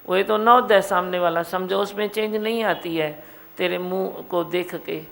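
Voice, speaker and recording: A woman giving a satsang discourse as spiritual teacher, animated, coaxing and scolding with rhetorical questions. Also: lowish voice, normal speed, gravelly, rough recording.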